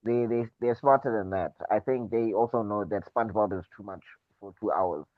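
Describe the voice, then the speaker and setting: A man's voice: fairly low pitch, fairly quick, dry recording. A man co-hosting a casual podcast chat over a remote call, his voice muffled by a poor mic connection, talking in a laid-back, rambling way with restarts. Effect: muffled sound from a poor mic connection. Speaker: podcast co-host.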